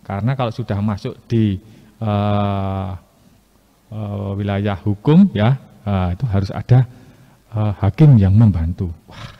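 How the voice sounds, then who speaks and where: Man, Sunday school storyteller, lively questions, echoey hall, muffled sound. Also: fairly low pitch, measured pace. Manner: lively, asks questions to listeners. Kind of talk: storytelling for children.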